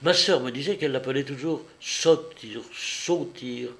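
Gossiping society lady, man reading, lively storyteller, slightly raised voice, audiobook. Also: mid-range voice, measured pace. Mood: gossipy.

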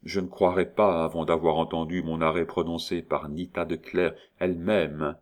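A man reading a novel aloud, voicing a timid, suffering young notary in a low, hushed voice. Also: flat delivery, moderate pace, lightly acted.

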